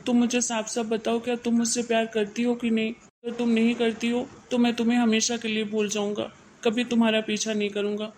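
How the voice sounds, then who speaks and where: A woman's voice: fairly high pitch, completely flat delivery, fairly quick, a little mellow, slight background noise, natural voice, low-quality recording. A woman voicing a lovesick, earnest young man in a cartoon, pleading with his girlfriend.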